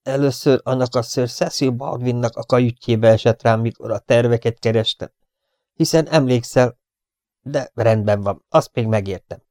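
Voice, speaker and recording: Guy voicing an angry scheming gent, snappy and loud, rough gravelly edge, dry close sound. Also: medium pitch, no echo, lightly acted. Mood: irritated. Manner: snapping, contemptuous. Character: angry, scheming gentleman villain.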